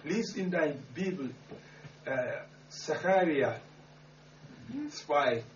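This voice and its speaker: A man preaching a sermon and telling his own story in halting German full of grammar slips. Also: on the high side, lively intonation. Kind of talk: sermon with personal testimony. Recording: echoey, muffled distant hall recording with hum.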